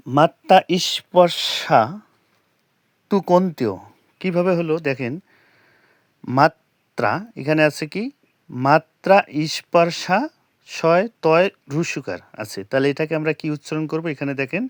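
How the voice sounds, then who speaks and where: A man teaching how to pronounce and understand a scripture verse, chanting it slowly syllable by syllable and putting rhetorical questions to the listener. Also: medium pitch, no room sound. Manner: slow and careful, chanting verse lines syllable by syllable. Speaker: Gita teacher. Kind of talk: explaining scripture pronunciation and meaning.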